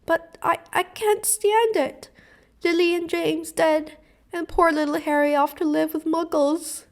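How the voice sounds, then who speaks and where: A woman voicing a huge, tearful male half-giant who talks in a sobbing, halting way. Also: high voice, a little mellow, pitched above the performer's own voice, close to an everyday voice.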